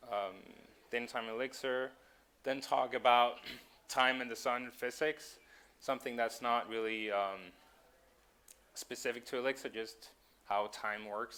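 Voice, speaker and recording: A man's voice: medium pitch, a bit bright, clear, resonant tone. A man from Denmark, giving a conference talk with frequent ums and self-corrections. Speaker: conference speaker.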